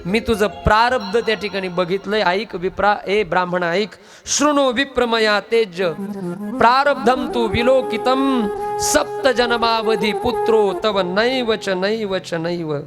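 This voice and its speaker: A stern, wise holy man speaks with solemn authority and chants scripture verses in a high voice, as a male preacher puts him on. He sounds all-knowing. Music plays clearly behind him. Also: fairly even intonation, moderate pace, few pauses, natural voice.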